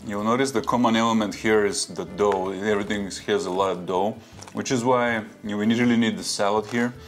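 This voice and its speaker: A man with a Bulgarian accent and a very low voice, chatting casually as he tastes food and explains each dish. He sounds relaxed and plain-spoken. Faint music plays behind him. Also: fairly quick. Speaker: vlog co-host. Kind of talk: casual food tasting chat.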